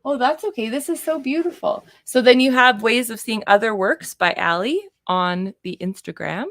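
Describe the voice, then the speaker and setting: Effusive, high-pitched woman hosting an auction. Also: normal speed, a bit bright, no echo, studio quality. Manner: effusive, exclamatory. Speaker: auction host. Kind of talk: live auction presenting and casual chat.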